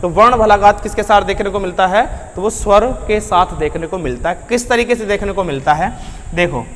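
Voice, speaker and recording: Guy teaching grammar, kinda high voice, keeps asking the class stuff then answering it, echoey room. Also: a little fast, a bit bright, a little hiss or hum. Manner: asks students questions and answers them himself; addresses students as beta and bhaiya. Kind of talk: classroom lecture.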